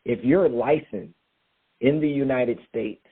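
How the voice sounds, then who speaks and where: A man's voice: mid-range voice, slow pace, slightly rough. A man speaking as a guest on a call, explaining steps in an emphatic way and answering his own rhetorical questions. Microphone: phone call. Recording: tinny phone line.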